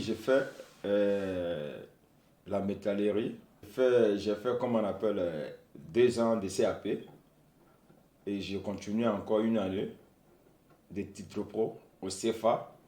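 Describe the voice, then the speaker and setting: A young man speaks slowly in a very low, dark voice. He searches for words as he tells his own story. The sound bounces around a roomy space. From Côte d'Ivoire. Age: 20s. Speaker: young interviewee. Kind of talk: personal testimony. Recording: roomy echo.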